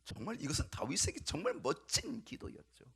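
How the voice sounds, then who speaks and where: A male pastor preaching a sermon, emphatic, with repeated rhetorical questions to the congregation and sometimes dropping to a hushed whisper. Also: on the high side, huge pitch swings, brisk, vocal fry, slightly rough. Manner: drops to a hushed whisper at times.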